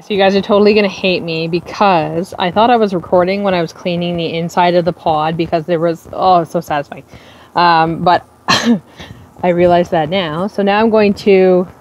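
A woman's voice: lowish voice, fairly even intonation, normal speed, darkish tone, muffled recording, a little hiss or hum. A woman in her thirties chatting upbeat through a casual how-to vlog, filmed at arm's length. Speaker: vlogger. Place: home room and outdoor deck.

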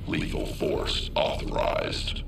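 A man voicing a stern security robot in a video game, giving clipped, flat status announcements through a robotic machine effect. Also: slow pace, heavy background noise. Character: stern male security robot, cold and commanding. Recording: echoey, distant, loud game music.

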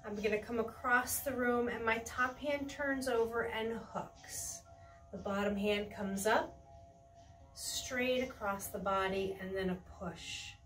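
A woman's voice: on the high side, fairly even intonation, a bit bright. A middle-aged woman leading a tai chi lesson with serene, encouraging, step-by-step movement cues. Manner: serene, encouraging, unhurried cueing. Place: small carpeted room indoors. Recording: distant mic in a room, faint music. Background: faint music.

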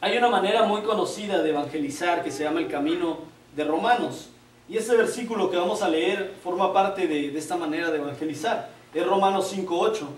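A high-pitched man delivers a sermon in a relaxed, joking way, checking in with his listeners as he goes. He sounds distant and echoey in the room, with a faint murmur of ambience behind him. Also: fairly quick, a little hiss or hum. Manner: conversational, joking, asks "¿verdad?" often. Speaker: preacher.

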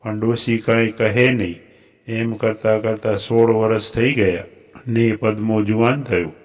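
A man with a Gujarati accent narrating a folk tale in a steady, even storytelling voice. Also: lowish voice, measured pace.

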